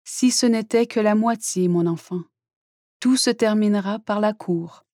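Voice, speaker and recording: A woman reading Jesus, soft and tender. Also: mid-range voice, a little slow, dry recording, clean studio sound, lightly acted. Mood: tender reassurance. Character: gentle, soothing male Jesus speaking to a suffering woman.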